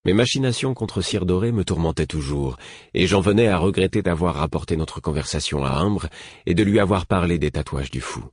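A man narrates a novel in a measured, even reading voice. His pitch sits very low and carries a husky grain. The dry, close-miked sound has no room around it. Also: no echo. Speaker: audiobook narrator. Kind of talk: scripted narration.

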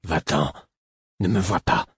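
A man voicing a hostile, simple-minded young male servant who speaks hoarsely with a slack mouth and gives blunt commands, in an audiobook. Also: low-pitched, measured pace, dry recording, studio quality, full character voice. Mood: commanding.

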